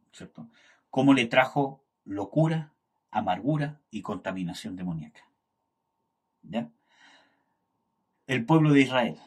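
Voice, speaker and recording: Husky man teaching a Bible class. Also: mid-range voice. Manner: keeps checking in with "¿cierto?" and searches for words aloud.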